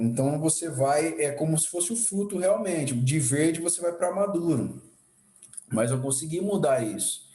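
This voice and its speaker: A man's voice: a little high, dark tone, roomy sound. A man teaching a church family discipleship class, sharing personal testimony in a conversational, reflective way with frequent tag questions.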